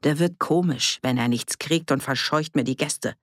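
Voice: medium pitch, moderate pace, dry recording, clean studio sound, natural voice. A reader voicing a blunt, grumbling village innkeeper man in an audiobook.

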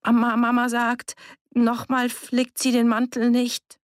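A woman's voice: on the high side, monotone, slow, no room sound, studio quality, voice pushed up. A woman reading an audiobook, voicing a frightened young girl who stammers and pleads. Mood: pleading.

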